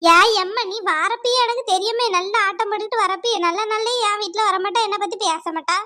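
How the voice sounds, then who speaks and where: A woman's voice: very high voice, brisk, sharp tone, no echo. A woman voicing a grumbling village wife. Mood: scornful. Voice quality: grumbling, scolding. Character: weary middle-aged village wife, cow owner, sharp-tongued. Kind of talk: cartoon voice acting.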